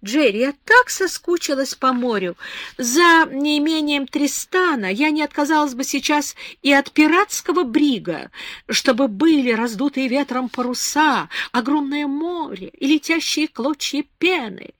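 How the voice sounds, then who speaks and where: A woman's voice: sits high, expressive, unhurried, fairly bright tone, no echo, studio quality, voice pushed up. A woman voicing a capricious, tipsy young woman in an audiobook, whimsical and dreamy. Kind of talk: audiobook character reading.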